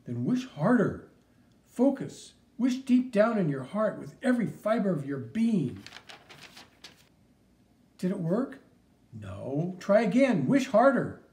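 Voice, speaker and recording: Guy doing a heroic cartoon mouse, steady and encouraging, warm tone. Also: sits high, takes it slowly, pauses often, full character voice. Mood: earnest. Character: heroic flying cartoon mouse, male, earnest. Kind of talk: audiobook character reading.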